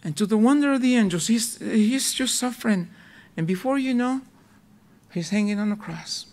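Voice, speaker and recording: A man's voice: sits high, moderate pace. Dramatic storytelling male preacher. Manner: dramatic storytelling, swings between loud and hushed; repeats words when excited. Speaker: pastor. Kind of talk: sermon.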